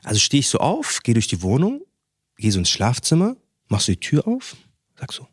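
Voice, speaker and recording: A young man co-hosting a podcast, telling a personal story in casual chat with slang and quick restarts. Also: mid-range voice, wildly swooping pitch, breathy edge, no room sound, studio quality. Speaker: podcast co-host.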